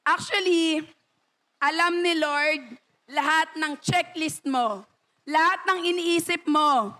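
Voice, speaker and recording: A woman with a Filipino accent preaching a sermon in church, calling out to the congregation and acting out quoted prayers. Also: high-pitched. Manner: animated preaching, calls to the congregation, acts out quoted pleas.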